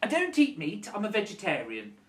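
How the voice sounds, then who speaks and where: A prissy, preachy vegetarian, smug about the virtue they claim, as a man mocks them in a high sing-song voice. The voice swoops up and down with exaggerated piety. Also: wildly swooping pitch, fairly quick, reverberant, recorded from a distance. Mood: prissy smugness.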